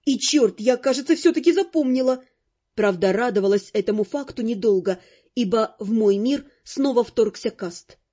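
A woman narrating an audiobook in the first person, lively and expressive, over faint music on a dull lo-fi recording. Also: fairly high pitch, normal speed.

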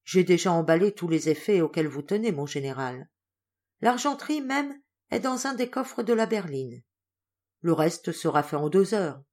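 A woman voicing a calm, loyal male servant in an audiobook, speaking in a reassuring, respectful manner. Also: fairly low pitch, moderate pace.

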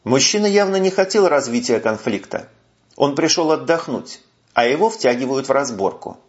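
Male narrator, lively pitch, expressive audiobook reading, dull lo-fi sound. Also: moderate pace. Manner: expressive storytelling. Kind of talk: scripted narration. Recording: muffled lo-fi audio.

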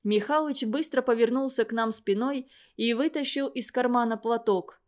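A woman's voice: on the high side, normal speed. A woman narrating a story as an audiobook reader.

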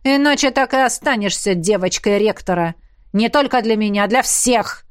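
A woman voicing a gruff, burly male academy coach who barks orders at his students. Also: medium pitch, moderate pace, dry recording, clean studio sound, close to an everyday voice. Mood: barking. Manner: barking commands, shouting. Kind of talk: audiobook character voice.

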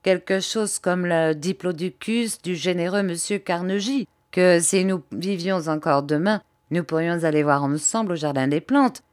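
A woman's voice: lowish voice, animated, a little slow, creaky, no echo, studio quality. A woman voicing a mocking, wisecracking Parisian male reporter in a storybook reading. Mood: joking. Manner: jokey, cheeky banter.

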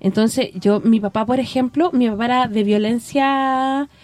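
Chilean woman, high mellow voice, lively storytelling, dry close sound. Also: a little slow, no room sound. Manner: animated, acts out quoted voices. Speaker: community radio guest. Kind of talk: casual conversational storytelling.

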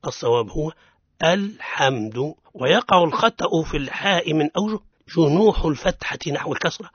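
A man with a Tunisian accent teaching Quran recitation on a radio lesson. He explains patiently and slowly draws out each example word, repeating it. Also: on the high side, slightly rough, no echo. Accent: Tunisian Arabic. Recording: dull, dry radio studio recording.

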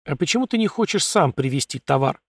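A man voicing a calm, firm male leader of a valley who speaks bluntly. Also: a little high, fast, dry recording, clean studio sound.

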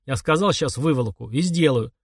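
A man reading an audiobook, voicing a crude, bragging village guard who shouts orders. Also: medium pitch, animated, brisk, gravelly, slightly rough, dry recording, studio quality.

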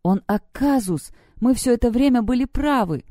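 A woman's voice: expressive, fairly quick, warm tone, no echo, clean studio sound, natural voice. A woman voicing a frightened teenage schoolgirl who turns frantic and threatening. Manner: trembling, then shrill and threatening.

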